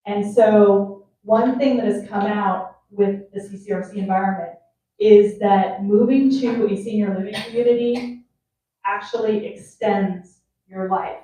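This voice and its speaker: A woman's voice: mid-range voice, dark tone. A woman who works at a senior community, hosting a resident panel in a chatty way, laughing often and restarting sentences. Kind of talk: casual panel talk. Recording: echoey room, picked up from far off.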